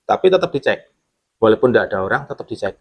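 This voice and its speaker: A man's voice: lowish voice, fast talker, slightly rough. Man telling a spooky story. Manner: animated, acts out quotes from coworkers. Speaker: podcast guest, former bank security guard. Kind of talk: casual storytelling chat.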